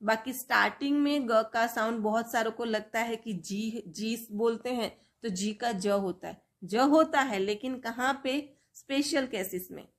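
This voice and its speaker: A woman teaching English phonics, drilling letter sounds and example words one at a time. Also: fairly high pitch. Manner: slow, drawn-out word-by-word drilling of sounds. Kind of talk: phonics lesson for learners.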